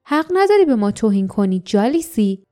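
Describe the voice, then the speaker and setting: A proud, frowning male ruler answers with stiff indignation, as a woman reads him. Her tone stays warm and mellow. It is a storybook reading. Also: mid-range voice, big pitch swings, faint music behind, close to an everyday voice. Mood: indignant.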